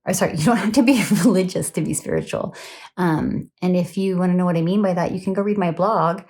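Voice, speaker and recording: A woman's voice: on the low side, brisk, darkish tone. A woman giving a casual tarot reading late at night, chatty and rambling, with many fillers, and sounding tired. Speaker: tarot reader.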